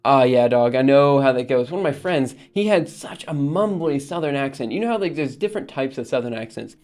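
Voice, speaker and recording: Speaking fairly quickly with lively intonation, this medium-pitched man has a slightly mellow sound. He's hosting a live stream from Alabama and rambles casually with viewers, reading their chat aloud, answering it, and laughing and saying um often.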